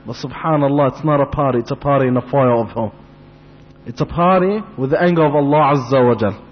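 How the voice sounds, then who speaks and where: A man's voice: medium pitch, quick pace. A man preaching a fervent sermon in a mosque, building to impassioned pleading. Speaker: imam giving a mosque talk. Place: mosque hall. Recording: long hall reverb, dull lo-fi sound.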